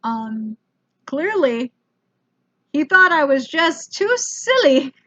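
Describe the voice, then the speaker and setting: Bright high-voiced American woman comedian. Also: takes it slowly. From United States. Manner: animated, self-mocking, casual swearing. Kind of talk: comedic travel storytelling.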